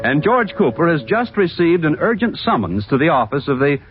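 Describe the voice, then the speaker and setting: A man's voice: on the high side, sing-song, brisk, dull audio. A male announcer introducing a 1950s radio comedy with an emphatic announcer delivery. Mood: upbeat. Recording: old 1950s radio recording over loud music.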